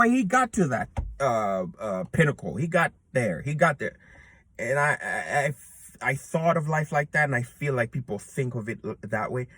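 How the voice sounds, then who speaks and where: A jiu-jitsu purple belt vlogger in his thirties talks to himself outdoors in a public place, rambling earnestly through a reflective, casual monologue full of restarts and fillers. His mid-range voice is a bit bright, with no echo.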